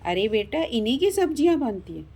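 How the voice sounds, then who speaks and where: A woman's voice: on the high side, sing-song, brisk, mellow, slightly rough, full character voice. A woman voicing a wily male vegetable seller in a doll story, calling out his wares in a sing-song way. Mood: hawking. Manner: sing-song hawking calls.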